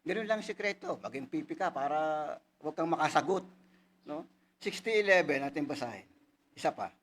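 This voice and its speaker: A male pastor preaching a casual, conversational sermon, reading scripture slowly and louder and often asking the congregation "right?". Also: on the high side, expressive, a little hiss or hum. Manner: frequent tag questions to the congregation.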